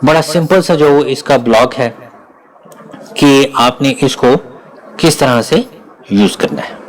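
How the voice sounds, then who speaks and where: A man giving a recorded programming lecture, explaining each operator slowly and deliberately. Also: mid-range voice, rough recording. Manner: slow, deliberate, often pauses to spell out each operator. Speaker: programming teacher.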